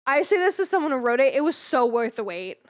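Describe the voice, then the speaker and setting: A woman's voice: high voice, very animated, fast. A woman chatting casually on a livestream as a variety game streamer, with a bubbly, cute anime-streamer delivery.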